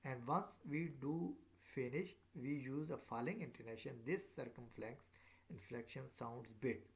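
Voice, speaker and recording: A man delivers a recorded lecture on speech tones at a middling pitch. His voice has a gravelly edge, and he talks haltingly, filling gaps with "uh" and circling back over his words. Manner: halting, many fillers, repeats himself. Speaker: English teacher.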